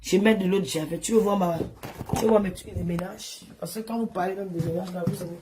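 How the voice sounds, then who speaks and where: A woman's voice: on the low side, fairly even intonation, fast, background noise. A woman streaming live from home on her phone, chatting with followers, showing items to the camera and scolding viewers who comment. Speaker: social media influencer.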